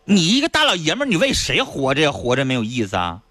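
Scolding radio host. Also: male voice, on the high side, wildly swooping pitch, fast, pushed and bright, dry recording. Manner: scolding, lecturing. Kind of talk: blunt advice radio talk. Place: radio studio. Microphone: studio mic.

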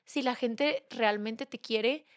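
A young woman with a Mexican accent speaks openly as a podcast guest, her voice sitting a little high. She mimics family and friends as she tells things, and the recording is close and dry. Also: slow, dry recording. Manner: candid, acts out quoted voices of family and friends. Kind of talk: casual chat.

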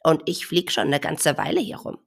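A woman's voice: sits low, normal speed, gravelly, heavily acted. Woman doing a cheeky chattering oxpecker bird. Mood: teasing. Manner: teasing, chirpy, clipped speech.

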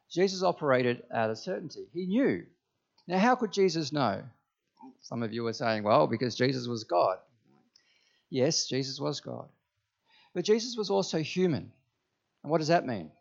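Through dull audio comes a man's mid-range voice: a pastor giving a forceful sermon to his congregation and repeatedly asking them questions.

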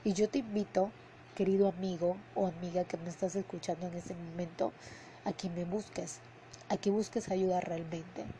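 A woman who's an emotional coach hosts a casual podcast monologue, speaking earnestly and heartfelt, repeating words for emphasis and ending sentences with a questioning "no?". Her warm voice is on the low side with fairly even intonation and normal speed. The audio is poor, with a little hiss or hum, using headphones and a podcast mic.

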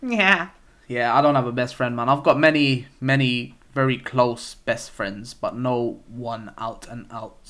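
A young man talks casually into a close podcast microphone, at an average pitch. His chat is relaxed and full of slang, and he laughs easily between his points. He sounds like someone hosting his own show alone. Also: unhurried. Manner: laid-back slang-heavy banter, laughs often. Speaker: podcast host. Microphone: close podcast mic.

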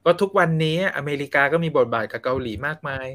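A man co-hosting a casual podcast chat, telling stories and explaining things in a relaxed way. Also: on the high side, fast. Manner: chatty storyteller, explaining. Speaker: podcast co-host. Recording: recorded from a live stream.

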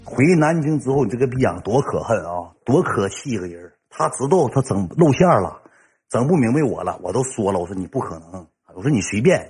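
Fast, husky Northeastern Mandarin storyteller. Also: male voice, medium pitch. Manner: rough, slangy, animated ranting. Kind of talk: comic personal storytelling.

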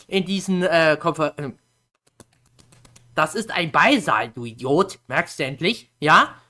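A woman's voice: on the low side, pushed and bright. A woman youtuber casually explaining a game's plot, chatty and slangy, acting out quotes.

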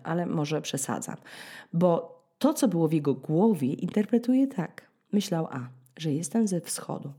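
A woman in her thirties from Poland hosting a podcast, telling a story in a dramatic, ironic way, with sudden high-pitched bursts as she acts out scenes. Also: mellow. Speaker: podcast host. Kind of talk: storytelling monologue.

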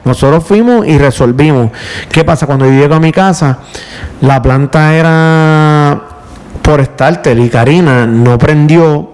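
A man's voice: a little high, measured pace, darkish tone. Emotional Puerto Rican man telling his story. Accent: Puerto Rican Spanish. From Puerto Rico. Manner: emotional storyteller, repeats words, tearful at times. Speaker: guest, power utility worker. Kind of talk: emotional casual conversation.

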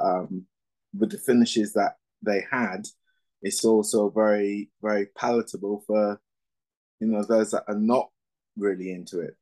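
A man in his fifties who grew up in Barbados answers interview questions as a former cricketer and coach. His voice sits a little low. He speaks in a measured way and fills his pauses with "um" and "you know.". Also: mellow, poor audio. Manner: measured, with frequent fillers.

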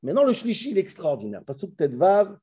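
A man giving an animated scripture class. He recites verses and talks straight to his listeners with emphasis. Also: high voice, fast talker, slightly rough. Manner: dramatizes dialogue, switches to Hebrew recitation; addresses listeners directly, emphatic. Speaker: Torah teacher.

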